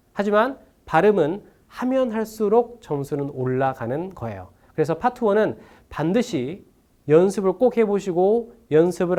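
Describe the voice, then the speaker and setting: A man's voice: a little high, darkish tone. Korean man teaching English pronunciation. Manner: explains step by step, models English words slowly and repeats them. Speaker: English speaking test instructor. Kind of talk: recorded online lecture.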